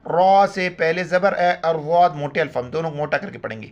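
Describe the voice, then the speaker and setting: A man teaching Quran reading, spelling out letters and vowel marks syllable by syllable, then chanting each verse slowly and drawn out, with quick spoken explanations in between. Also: a little high. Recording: muffled lo-fi home recording.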